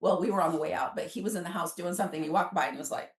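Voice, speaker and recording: Her voice sits on the low side and she talks rapid-fire. This middle-aged podcast guest chats casually through a personal story, animatedly performing quoted dialogue she remembers, in an echoing, roomy space.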